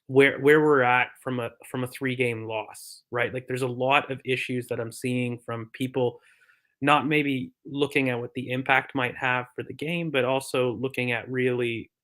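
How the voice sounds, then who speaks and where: Man, casual football podcast co-host, mid pitch, hesitant fillers, physio-style explaining. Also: fairly even intonation, normal speed, a bit bright. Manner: thoughtful, filler-heavy, explains from a physio view.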